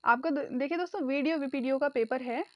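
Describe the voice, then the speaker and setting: A woman's voice: sits high, brisk, darkish tone, no echo. A woman teaching an online exam-prep lesson, calling her viewers friends and repeating the key answers.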